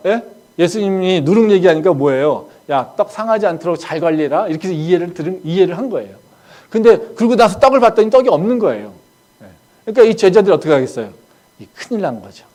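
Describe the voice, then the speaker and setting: A male pastor preaching a sermon in a conversational way, asking the congregation rhetorical questions and acting out quoted lines in a hushed voice. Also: sits high. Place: church.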